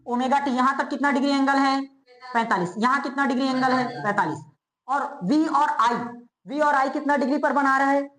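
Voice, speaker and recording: A very high, a-little-bright male voice delivers a physics lecture in class, constantly throwing out quick questions to check understanding and then answering them, with key terms repeated at a slow pace. The room echoes as though it were an empty classroom.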